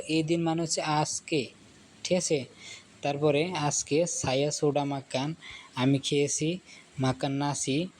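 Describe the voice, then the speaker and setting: A man teaching a language lesson, explaining slowly and checking understanding often. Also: on the high side, darkish tone, a little hiss or hum. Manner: explains slowly, repeats words, often asks "ঠিক আছে?". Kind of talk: casual spoken lesson.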